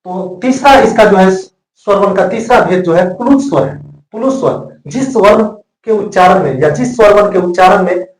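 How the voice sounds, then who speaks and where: A man teaches grammar in a bright, fairly high voice. He drills each point by saying it again and again. The sound is roomy and echoey. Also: moderate pace. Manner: repetitive, drills points by repeating them. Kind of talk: classroom grammar lesson. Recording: echoey room.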